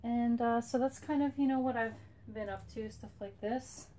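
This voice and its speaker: A woman's voice: on the high side, normal speed, warm tone. A woman chatting casually and unhurriedly as she demonstrates soap making, rambling and letting phrases trail off. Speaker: soap maker, video host. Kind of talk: casual chit-chat over a soap-cutting demonstration. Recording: clearly noisy home recording.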